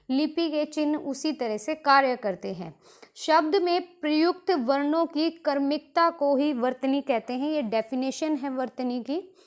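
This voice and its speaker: A woman with a Haryanvi accent teaching a grammar lesson for exam preparation, explaining slowly and repeating each example word. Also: high-pitched.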